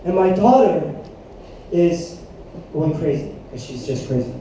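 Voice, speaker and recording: A man in his thirties, a youth pastor preaching a sermon with animated storytelling and questions to the room. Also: on the high side, a little slow, a little hiss or hum. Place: church hall. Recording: echoey hall, mic at a distance.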